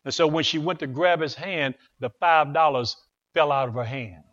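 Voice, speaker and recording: A man's voice: fairly high pitch, moderate pace, highs cut off. A man preaching a sermon, telling a story dramatically and repeating phrases for emphasis. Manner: animated and dramatic, with repetition.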